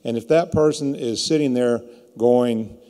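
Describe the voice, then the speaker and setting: A man in his fifties with a hoarse, rough voice gives a plain-spoken, emphatic motivational keynote speech into a stage microphone. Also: medium pitch, a little slow, mellow. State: hoarse from yelling all day. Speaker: keynote speaker, entrepreneur. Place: indoor brick-walled event venue, on stage. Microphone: stand microphone at lectern. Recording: echoey hall with long reverb.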